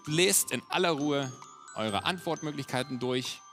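Male game show host, animated pitch. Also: unhurried. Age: 30s to 40s. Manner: game show host presenting, announcing questions and answers. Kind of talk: TV quiz show hosting. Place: large TV studio with audience. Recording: loud studio music and audience noise.

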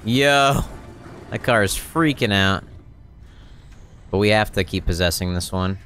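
At a measured pace, a man in his thirties speaks in a lowish yet fairly bright voice, giving relaxed game tips and commentary as a streaming host and tutorial presenter. His boom-arm microphone sits close, and background noise can be heard clearly.

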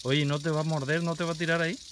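A man's voice: a little high, level tone, very fast, fairly bright tone. A man with a Veracruz Mexican accent chatting casually as an onlooker outdoors. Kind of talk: casual chat. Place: outdoors in dense woodland. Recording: very noisy outdoor phone video.

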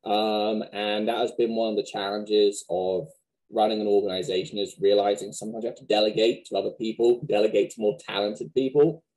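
A man in his thirties with a West Country Wiltshire accent softened by American, answering questions conversationally in an interview. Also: on the low side, flat delivery, brisk, poor audio. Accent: West Country Wiltshire English, softened by American. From Wiltshire, England. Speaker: museum director, interview guest. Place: small plain office, video call.

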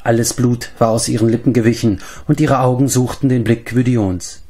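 A man reading a fantasy novel aloud as an audiobook, in measured, steady storytelling. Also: mid-range voice. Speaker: audiobook reader. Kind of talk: scripted narration of a fantasy novel.

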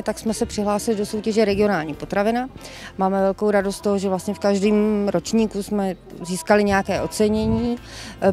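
Mellow, even-toned farm owner woman. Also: medium pitch. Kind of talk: interview answers. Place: outdoors in open countryside. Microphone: handheld reporter mic.

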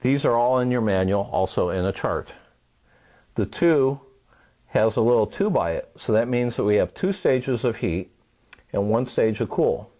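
A man calmly walking through a step-by-step how-to demonstration, patient and methodical, repeating key points. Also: medium pitch, normal speed, dull audio. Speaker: home repair instructor.

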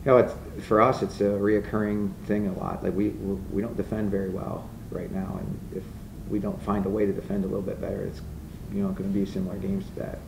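Gravelly, flat-voiced male coach. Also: on the low side, fast. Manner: blunt, matter-of-fact. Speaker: head coach. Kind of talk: postgame press conference. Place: press room. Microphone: table mic. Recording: echoey room, from far off, with noise.

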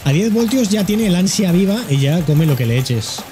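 A man's voice: high voice, very animated, normal speed. A man with a Spain accent giving casual, jokey reaction commentary with sudden exclamations. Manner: jokey, exclaiming, voicing objects in funny asides. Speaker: reaction video host.

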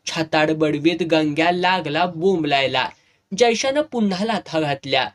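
Man, slightly higher voice, storyteller, dramatic reading. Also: a little slow. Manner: dramatic, raising voice for shouted dialogue. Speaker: narrator. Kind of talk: serialized novel reading with voiced dialogue.

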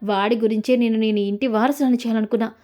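Sharp-tongued old grandmother, interrogating, mellow tone; a woman performs her. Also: a little high, fairly even intonation, fast talker, close to an everyday voice. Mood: demanding.

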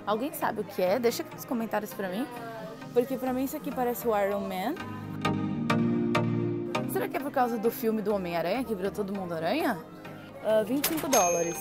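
Browsing theme park gift shops indoors, a young woman from Brazil gushes to her viewers in a casual vlog. She talks briskly in a slightly high voice with lively intonation and long pauses, all over loud music.

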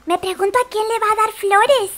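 A woman narrating a doll-game story in a casual, playful way, with excited gasps and exclamations. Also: very high-pitched, moderate pace, soft background music. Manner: excited, exclaiming, gasping reactions.

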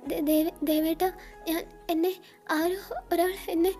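A woman's voice: high voice, steady tone, moderate pace, warm tone, soft background music, natural voice. A woman voicing a playful, affectionate young heroine in a storybook narration, with a sweet, coaxing manner. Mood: frightened.

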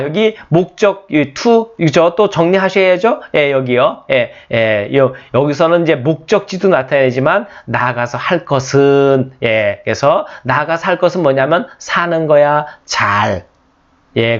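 A man with a Korean accent teaching English phrases in a slow explanatory lesson, repeating words and asking and answering his own questions. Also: fairly high pitch. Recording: dull lo-fi audio.

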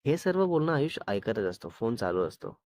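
A man's voice: medium pitch, sing-song, moderate pace, a little mellow. Man narrating a storybook. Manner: chatty, exclaims at twists.

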